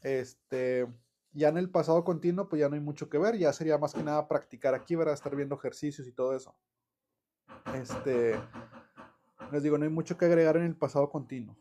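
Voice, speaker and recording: Relaxed man teaching. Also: a little high, fairly quick. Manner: relaxed, chatty, with many fillers and self-corrections, laughs often. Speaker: English teacher. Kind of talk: casual online grammar lesson.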